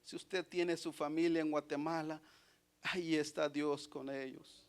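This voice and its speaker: A man preaching a Pentecostal sermon in church, swinging between loud swells and soft drops and tagging his lines with questions and amens. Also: fairly high pitch, steady tone, unhurried, clean tone. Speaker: pastor.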